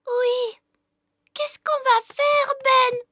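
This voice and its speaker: A woman voicing an eager young fairy princess girl, bossy but anxious, in a French children's cartoon, with a childlike, expressive voice. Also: extremely high pitch, very slow, no room sound, clean studio sound, full character voice. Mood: dismayed. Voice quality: childlike, girlish. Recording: children's music behind the voice.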